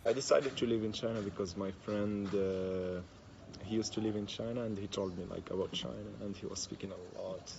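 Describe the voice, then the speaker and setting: A man from Morocco, a student, speaking English in a relaxed, hesitant way. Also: fairly low pitch, a little fast, creaky. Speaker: expat student. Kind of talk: casual talk to camera. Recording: dull, noisy recording.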